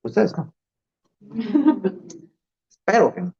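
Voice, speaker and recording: A man's voice: high voice, big pitch swings, extremely slow, gravelly, a little mellow, slightly rough. Guy preaching, talks like he's just chatting, kinda muffled audio. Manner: conversational storytelling with fillers like "este". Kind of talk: sermon.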